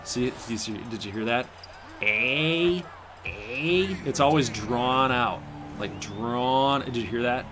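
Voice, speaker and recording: With a crowd audible behind him, a Michigan-accented host with a somewhat nasal, mid-range voice speaks slowly while commentating a simulated basketball game on a live stream. Hailing from Michigan, USA, he chats with viewers, jokes around and bursts with excitement at big plays.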